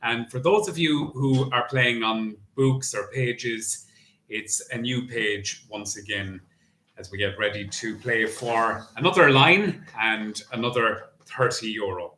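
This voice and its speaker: An Irish man working as a bingo caller, announcing in a deliberate, traditional bingo-calling manner. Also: medium pitch, sharp tone. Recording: echoey room, faint noise.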